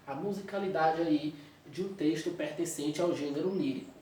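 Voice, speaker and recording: A man's voice: fairly high pitch, normal speed, warm tone. A male teacher with a Brazilian Portuguese accent, explaining a lesson and checking in with his students at every step. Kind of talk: recorded classroom lecture. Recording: very echoey room, distant mic, faint hiss.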